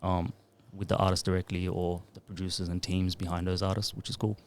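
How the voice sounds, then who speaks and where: A low, slightly mellow male voice, fairly quick and level, comes through with a little hiss or hum. The speaker, a music producer and DJ in his thirties, chats loosely into a podcast mic for a casual interview.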